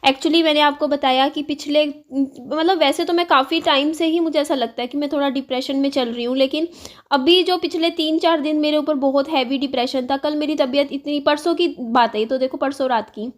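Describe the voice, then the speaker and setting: A woman in her thirties talks to her viewers in a casual, rambling way, sounding low-spirited and confiding. Her voice sits fairly high, yet her throat is sore and strained, and she keeps clearing it. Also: fairly even intonation, a little fast. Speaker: vlogger. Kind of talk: casual chat to camera.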